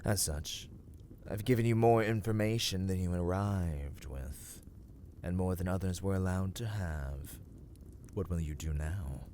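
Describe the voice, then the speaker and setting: In an audio roleplay for ASMR fantasy, a voice actor portrays an ancient, predatory vampire lord whose warm, low voice moves very slowly with a slight hiss or hum. Proud, imperious and coldly polite, he speaks in formal, theatrical phrases that frequently sink to a whisper.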